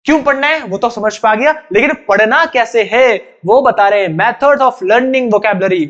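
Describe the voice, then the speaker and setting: Brief: very high-pitched male tutor, chatty repetitive explaining, dull lo-fi sound. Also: unhurried, fairly bright tone. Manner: chatty, repetitive explaining, addresses students as bhai. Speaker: English teacher. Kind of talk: exam-prep vocabulary lesson. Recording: dull lo-fi recording.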